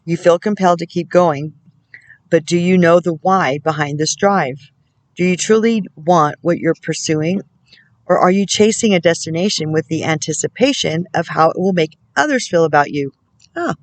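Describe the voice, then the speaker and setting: A woman's voice: on the low side, dry recording, low-quality recording. Woman reading oracle cards, dry close sound. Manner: measured reading broken by musing, self-amused comments. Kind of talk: reading card texts aloud with chatty asides.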